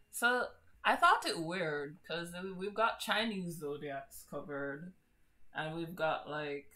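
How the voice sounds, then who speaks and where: A woman's voice: low voice, a bit bright. A young adult woman co-hosting an art live stream, chatting casually and teasing her co-host. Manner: playful, teasing.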